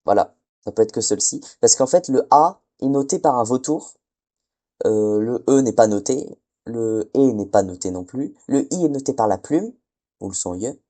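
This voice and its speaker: A man's voice: mid-range voice, expressive, normal speed, warm tone. A man giving a casual spoken lesson, hesitant, often stumbling and correcting himself. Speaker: teacher.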